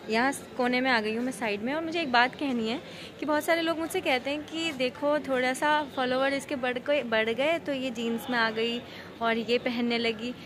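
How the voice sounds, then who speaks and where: A woman chatting casually to her viewers in a vlog, talking straight to them with plenty of fillers. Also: a little high. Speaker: vlogger. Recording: music playing underneath.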